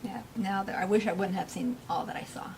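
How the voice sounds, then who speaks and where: A woman reading audience questions aloud at a faith-based meeting and candidly sharing her own view in a soft-spoken way. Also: medium pitch, steady tone, brisk, vocal fry, noisy background. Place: meeting room.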